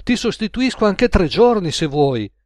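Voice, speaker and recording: A man's voice: high-pitched, very animated, moderate pace, darkish tone, no echo, studio quality, voice pushed up. A man doing a curt, pushy male coworker. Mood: eager. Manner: curt then overeager. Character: grumpy male coworker, quickly turning eager.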